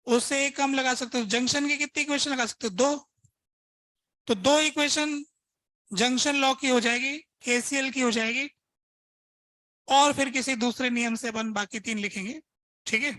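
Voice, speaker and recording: In a very high-pitched, bright and forceful voice, a man teaches a physics lesson at a board, working through examples step by step and throwing rhetorical questions at his students. His style is casual and conversational. The recording is dry and rough.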